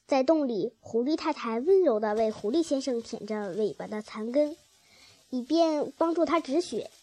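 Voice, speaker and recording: A woman's voice: high-pitched, lively intonation, normal speed, dark tone, dry recording. A woman reading a children's storybook aloud, with occasional slips and restarts.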